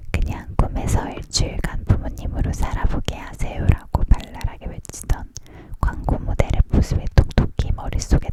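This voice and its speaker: Close, breathy whispered ASMR book reading.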